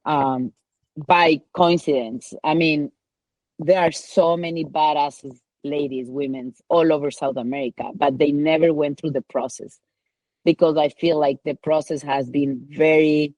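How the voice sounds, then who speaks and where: A woman's voice: sits low, fairly even intonation, measured pace, darkish tone, no room sound, rough recording. A woman from Ecuador with a Spanish accent, a mountain guide telling her story in a casual interview, rambling with many "like" and "you know" fillers.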